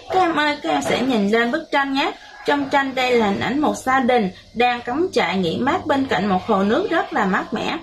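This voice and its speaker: Slow, clear repeat-after-me drills fill this bilingual children's English lesson, led by a primary school teacher with a Vietnamese accent. She has a high-pitched, fairly bright voice, and a slight hiss or hum can be heard.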